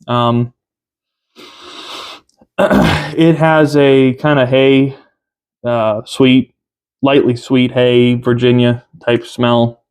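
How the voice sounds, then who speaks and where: Man in his thirties, halting casual reviewer. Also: mid-range voice, a little mellow, clear, resonant tone. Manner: halting, unhurried, pausing often mid-sentence. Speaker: tobacco reviewer. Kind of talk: casual review chat to camera. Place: small room at home, indoors.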